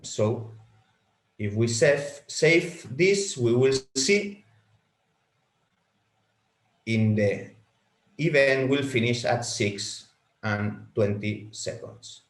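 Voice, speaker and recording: A product trainer, Spanish being his first language, walks viewers through software in a webinar, halting and repeating words as he clicks settings. He speaks on the low side, with a reverberant sound.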